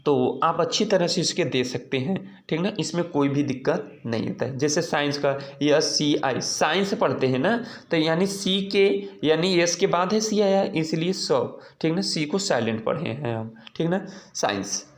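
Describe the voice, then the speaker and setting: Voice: medium pitch, normal speed. A teacher giving a casual spoken lesson on silent letters in English spelling. The teacher keeps asking rhetorical questions, answers them, and checks in with viewers as friends. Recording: roomy echoey room.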